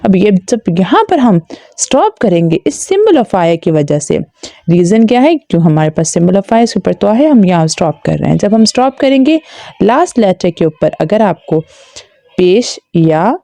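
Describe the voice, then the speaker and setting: A woman teaching Quran reading, spelling out syllables slowly and stretching them, then explaining quickly with English words mixed in. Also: mid-range voice, big pitch swings, dark tone, no room sound, studio quality. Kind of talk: spelled-out recitation lesson.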